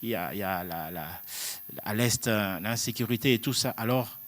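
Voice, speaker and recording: A man, a guest speaking in a calm, deliberate way. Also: on the low side.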